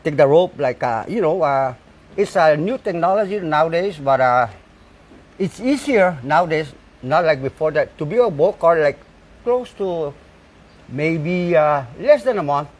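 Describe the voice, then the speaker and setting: A farmer and bull cart maker from Saipan in the Northern Mariana Islands, a man in his sixties, talks in a casual interview outdoors at his home, with many fillers and restarts. His voice is on the high side with lively intonation and a somewhat slow pace.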